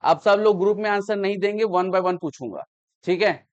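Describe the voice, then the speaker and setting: A man's voice: high voice, moderate pace, muffled recording. A man teaching a math class, explaining patiently, repeating each step and checking that students understand.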